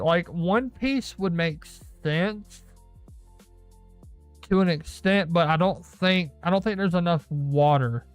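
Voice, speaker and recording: A man with a fairly high, clean-toned voice hosts a casual solo gaming news show, rambling, correcting himself and laughing often. The audio is dull but has no echo.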